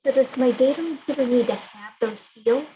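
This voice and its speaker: A woman speaking as a remote attendee over a video call, asking a hesitant, halting question during a live Q&A. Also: high voice, warm tone, a little hiss or hum, poor audio. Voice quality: call audio breaking up at times. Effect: remote caller's voice over a video call. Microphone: computer or headset mic on a video call.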